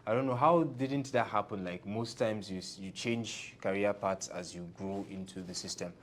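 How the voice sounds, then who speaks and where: A man hosting a casual interview as the interviewer, often chiming in with short affirmations. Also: normal speed. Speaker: interviewer and host. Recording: rumbly background noise.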